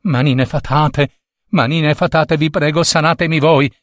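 Guy doing a blind young prince, high excited cries, real dry sound. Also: normal speed, slightly rough, no echo, full character voice. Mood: pleading.

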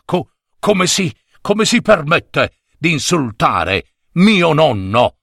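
A man voicing a pompous, dignified gentleman who protests haughtily. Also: fairly high pitch, very animated, slow pace, gravelly, no room sound, clean studio sound, full character voice. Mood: indignant. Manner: haughty, indignant.

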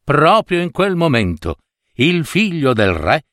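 A man reading a fairy tale aloud, lively and speaking directly to his listeners. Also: fairly high pitch, takes it slowly, no room sound, studio quality. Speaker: storyteller.

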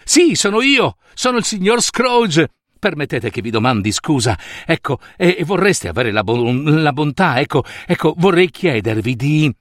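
A man voicing an elderly miser, giddy with joy and remorse, stammering and excitable. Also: mid-range voice, normal speed, hardly any pauses, no room sound, studio quality, close to an everyday voice. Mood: jubilant. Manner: excitable, stammering, shouting then weeping.

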